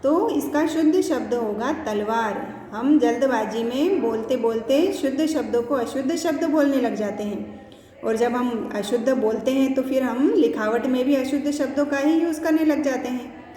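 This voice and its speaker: Woman teacher with a high voice. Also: mellow. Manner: explanatory, frequent "है ना" and "ठीक है" check-ins; stretches words slowly to show correct pronunciation. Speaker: school teacher. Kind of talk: Hindi grammar lesson. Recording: echoey room with long reverb.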